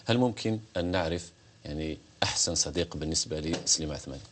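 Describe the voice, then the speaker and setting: A male TV interviewer who asks brisk questions and presses for short answers. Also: a bass voice, background noise. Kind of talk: TV studio interview.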